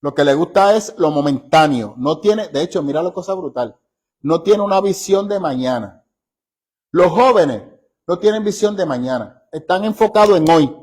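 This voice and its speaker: A man teaching a Bible study in a conversational way, emphatic, asking his listeners rhetorical questions and slowing down to stress key phrases. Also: fairly high pitch, animated, a little mellow.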